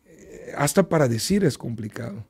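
A man, a pastor, telling a testimony as a radio guest, unhurried, with many fillers and repetitions. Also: medium pitch, animated, darkish tone, husky.

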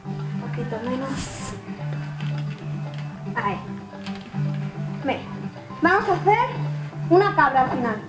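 A woman's voice: sits high, very animated, slow, long pauses. A young woman doing playful stage patter as a magician, coaxing the audience and repeating her words. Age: young adult. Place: care home common room, indoors. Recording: echoey room with music behind.

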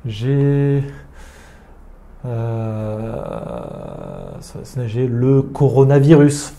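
A man gives an online French lesson, going through useful phrases one at a time. He speaks at an unhurried, measured pace and says each French word twice so learners can catch it. His voice is deep, dark and mellow. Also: fairly even intonation. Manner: slow and deliberate, repeating French words carefully for learners. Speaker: French teacher.

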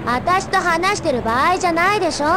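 High, sassy young woman. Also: lively intonation, fairly quick, noisy background. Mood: snippy, squeamish. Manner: blunt, casual, snippy. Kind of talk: video game voice acting. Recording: music behind the voice.

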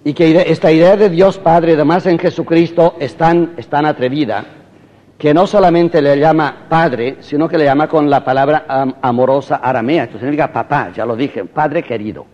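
A man's voice: fairly high pitch, steady tone, normal speed, a little mellow. A priest giving a theology lecture, emphatic and dramatic, acting out quoted prayers and turning to his listeners with rhetorical asides. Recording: dull lo-fi recording.

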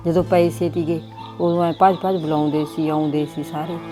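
A woman playing a sad older aunt, speaking softly and lamenting in a village family drama. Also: low-pitched, flat delivery, a little fast, music in the background, natural voice. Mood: sorrowful. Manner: lamenting, soft-spoken.

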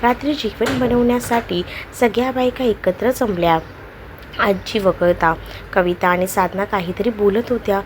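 A woman's voice: medium pitch, moderate pace, slight background noise, low-quality recording. Woman reading a love story aloud. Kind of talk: scripted story narration.

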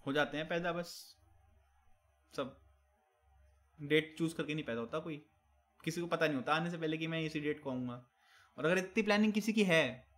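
Young man, game streamer, slightly high voice, teasing chat banter, English catchphrases mixed in. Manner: teasing banter while reading chat aloud; mixes English catchphrases into Hindi. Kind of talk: casual live-stream chat.

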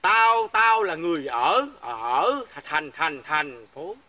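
A man's voice: on the high side, sing-song, slow pace, sharp tone, recorded from a distance, exaggerated voice. A man playing a stuttering, boastful city gambler in a stage comedy sketch, repeating syllables constantly. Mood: stammering.

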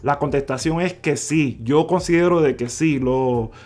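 A man hosting a crypto video, talking viewers through numbers on screen, calling them "mi gente" and repeating figures slowly. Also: fairly high pitch, a little mellow. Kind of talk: screen-share explainer talk. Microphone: voice-over on screen recording.

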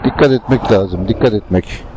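A man's voice: lowish voice, moderate pace. A man giving casual, rambling and colloquial commentary to viewers from inside a helmet while riding a scooter in traffic. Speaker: motovlogger. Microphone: helmet-mounted microphone. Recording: muffled helmet mic, loud engine and road noise. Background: vehicle and traffic noise.

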